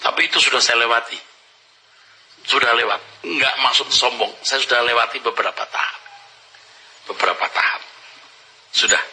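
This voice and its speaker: A man's voice: medium pitch, bright, forceful tone, slight background noise, poor audio. A male pastor preaching a conversational sermon, acting out little dialogues and dropping casual slang and English phrases.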